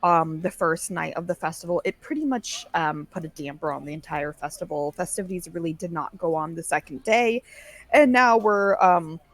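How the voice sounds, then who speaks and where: A woman's voice: on the low side, normal speed. A woman narrating as game master of a tabletop game, easygoing and conversational. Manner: relaxed, conversational narration with fillers. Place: home stream setup.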